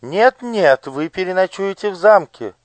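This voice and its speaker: A man's voice: high voice, lively intonation, unhurried, no room sound, voice pushed up. Storybook noble lady, sweet and coaxing with a cruel streak, man reads her in a raised voice. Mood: coaxing, gracious. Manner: singsong, coaxing.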